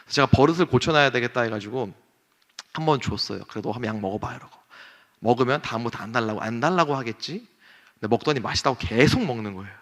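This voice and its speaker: Male pastor, thirties, storytelling sermon with acted-out dialogue; mid-pitched voice, long hall reverb. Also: lively intonation, quick pace. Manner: storytelling, acting out family scenes with varied pitch and loudness. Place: church sanctuary.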